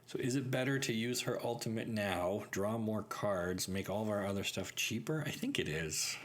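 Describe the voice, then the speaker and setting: A man's voice: lowish voice, moderate pace. A man hosting a card-game channel, thinking aloud and commenting on his plays in an upbeat way. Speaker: gaming channel host. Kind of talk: casual gameplay commentary.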